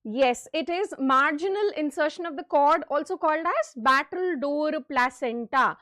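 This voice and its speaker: High-pitched North Indian woman lecturer. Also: measured pace, sharp tone, dry recording, studio quality. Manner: emphatic, checks in with "okay?" and repeated questions. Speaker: medical lecturer leading exam revision session. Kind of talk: interactive lecture, quizzing students with questions.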